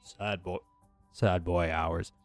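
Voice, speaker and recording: Streamer with a deep pitched-down voice. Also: steady tone, takes it slowly, soft background music. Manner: laid-back, rambling, swears freely. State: sounds tired. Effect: voice pitched down unusually deep. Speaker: livestreamer. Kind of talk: casual stream chat.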